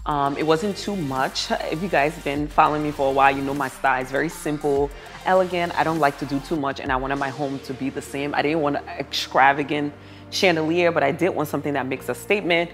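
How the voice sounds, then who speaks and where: A woman vlogger with a low-pitched voice talks casually to her viewers. She gushes admiringly in the manner of a home makeover reveal, with music playing behind her. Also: a little fast. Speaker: vlogger giving a home tour. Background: background music.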